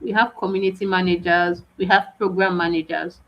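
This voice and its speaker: Lady briefing new students, firm and strict, lowish voice, kinda muffled lo-fi sound. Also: little pitch movement, brisk. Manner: firm, stern, repeats warnings in lists. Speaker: program organizer. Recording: dull lo-fi audio.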